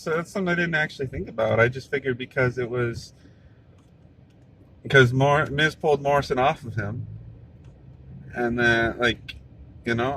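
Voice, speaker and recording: Man host, bright voice, easygoing car chat, faint road hum behind. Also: mid-range voice, rough recording. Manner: easygoing, trailing restarts. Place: inside a moving car.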